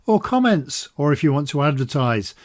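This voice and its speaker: A man's voice: a little high, sing-song, moderate pace. A man hosting a walking podcast, reading a news roundup with dry humour and then introducing his guest. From Scotland. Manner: upbeat, conversational, dry humour. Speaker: podcast host.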